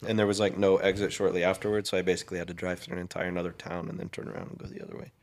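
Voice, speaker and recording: A young man hosting a podcast, telling stories in an animated way and saying "dude" a lot. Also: low-pitched, rapid-fire. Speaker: podcast host. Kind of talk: casual chat.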